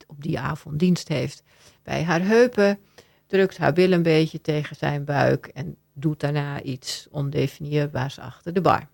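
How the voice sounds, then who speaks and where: A woman's voice: low-pitched, vocal fry, a little mellow, no room sound, clean studio sound. A woman working as a confidential adviser, giving a radio interview and explaining an example with hesitant restarts. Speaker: confidential adviser on workplace conduct.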